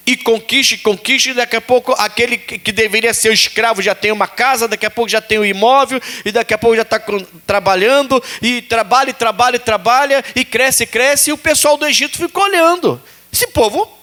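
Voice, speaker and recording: A man's voice: very high-pitched, bright, forceful tone. A man preaching a sermon as pastor, repeating phrases and putting questions to the congregation.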